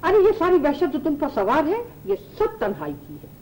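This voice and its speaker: Sly teasing auntie, high lively voice jumping all over, faint old-tape hiss. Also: female voice, poor audio. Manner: playful and teasing, quick to laugh. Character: teasing older aunt who cheats at games. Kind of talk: 1980s TV drama acting. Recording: old TV drama audio, light noise.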